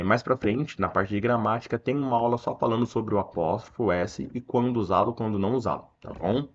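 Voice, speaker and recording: A man with a Brazilian accent teaching English, explaining a text line by line and reading the English sentences slowly. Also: lowish voice, muffled recording. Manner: slows down to read English sentences aloud.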